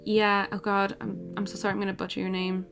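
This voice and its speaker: A chatty young woman streaming herself drawing, talking casually to her viewers and laughing easily as she answers them. Her voice sits in a middle register, with soft music playing faintly behind her. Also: mid-range voice, level tone, fast, gravelly. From Portugal. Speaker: art streamer. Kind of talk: casual live-stream chat while drawing.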